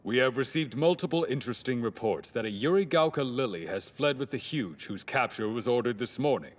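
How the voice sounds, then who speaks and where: A man's voice: medium pitch, animated, brisk, soft background music, lightly acted. A man playing a probing TV reporter in an anime dub, asking formal, pressing questions. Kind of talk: anime English dub acting.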